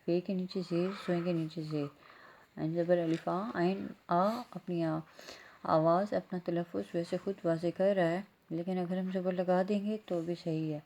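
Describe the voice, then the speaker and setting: A woman schoolteacher with a Pakistani Urdu accent, calmly going through exercise answers and spelling out vowel marks letter by letter. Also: on the low side, a little hiss or hum. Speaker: school teacher. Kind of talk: classroom lesson, answering exercise questions.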